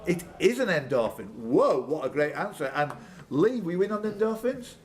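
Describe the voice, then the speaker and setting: Running a live pub quiz, a man reads the questions and tosses off playful banter in a high-ish, very animated voice at normal speed. Room noise can be heard in the background.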